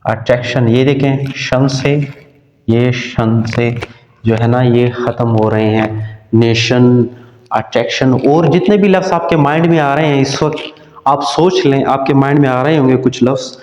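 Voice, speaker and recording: A male teacher giving a grammar lecture, speaking slowly and repeating words, spelling them out letter by letter. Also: medium pitch, darkish tone. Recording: dull echoey room recording.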